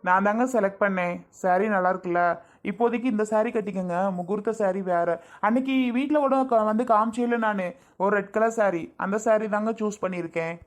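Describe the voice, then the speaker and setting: A woman playing a gentle, attentive young groom who fusses over everyone in a family drama. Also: medium pitch, fairly quick, lightly acted. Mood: fond. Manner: fussing, affectionate.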